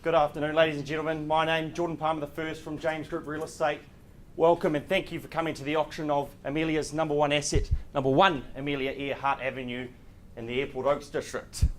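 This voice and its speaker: A man's voice: fairly high pitch, little pitch movement, fairly quick. A man speaking as an auctioneer, in polished, courteous, formal auction patter. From New Zealand. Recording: clear background room noise.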